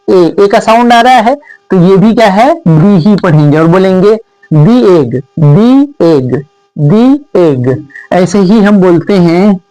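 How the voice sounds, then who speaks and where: A man with a Hindi accent teaches a spoken English lesson in a high voice, taking his time and drawing each example word out slowly. He asks his viewers questions as he goes, and the recording is dry and close, with no room echo. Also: darkish tone. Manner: explains step by step, repeats example words slowly.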